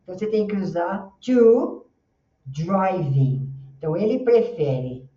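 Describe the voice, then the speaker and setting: A woman with a Brazilian Portuguese accent teaching an English grammar lesson, patiently explaining and sounding out English words slowly. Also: lowish voice, lively intonation. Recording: roomy, distant, dull lo-fi sound.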